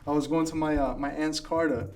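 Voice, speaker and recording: A man in his thirties chats casually with an interviewer, in a voice a touch higher than most men's. He tells loose, relaxed stories and restarts his sentences often. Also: fairly quick. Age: 30s. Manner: relaxed storytelling with many restarts. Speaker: interviewee, food business owner. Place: coworking space.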